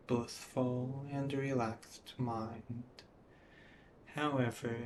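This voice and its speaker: A man narrates a scripted guided hypnosis in a soothing, measured way with drawn-out pauses. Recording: steady background noise, low rumble.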